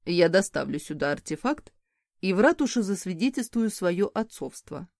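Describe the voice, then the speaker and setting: A woman's voice: fairly low pitch, big pitch swings, normal speed, a little mellow, no room sound, studio quality. A woman reading an audiobook, voicing a smug, mocking nobleman. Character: smug nobleman Bastian, young man's father.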